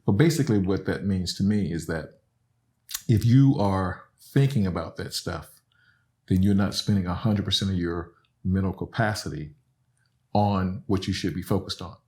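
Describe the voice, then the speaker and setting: A middle-aged professor from Alabama, appearing as a podcast guest, explains things in an earnest, reflective, conversational way, often adding "right?" and "you know." His voice sits low and a little mellow, at a moderate pace.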